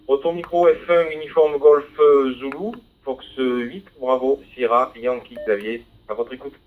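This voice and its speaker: A man makes radio contact over a ham link, his mid-range voice steady and moderately paced. He hesitates with lots of fillers and spells call signs phonetically. The handheld mic's signal, decoded by a receiver, sounds tinny and narrowband digital with faint hiss.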